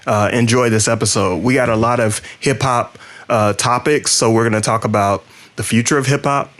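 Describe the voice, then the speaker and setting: A man's voice: mid-range voice, fairly even intonation, normal speed, a bit bright. A man co-hosting a podcast, introducing the episode in loose, rambling explanations. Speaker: podcast co-host. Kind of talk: casual podcast chat.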